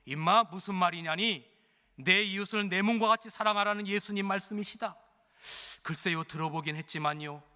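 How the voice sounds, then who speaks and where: A male pastor voicing a gruff death-row prisoner who bosses other inmates about faith, in a rough scolding manner. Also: high voice, normal speed, pushed and bright, big-room sound.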